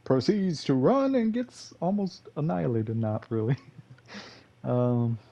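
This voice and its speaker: A man's voice: medium pitch, animated, measured pace, creaky, mellow, lo-fi sound. A man giving casual gameplay commentary, rambling and correcting himself, chuckling often.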